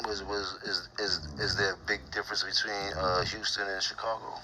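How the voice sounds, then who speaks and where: A man's voice: sits low, level tone, normal speed. A man hosting an interview show, introducing his guest in a friendly way and asking questions with many ums and uhs. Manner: friendly, hesitant, many fillers. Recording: noticeable background noise.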